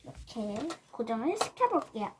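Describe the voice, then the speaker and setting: A woman's voice: on the high side, sing-song, moderate pace, background noise. A young girl hosting her channel, narrating a toy build step by step with cheerful ta-da calls. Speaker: channel host.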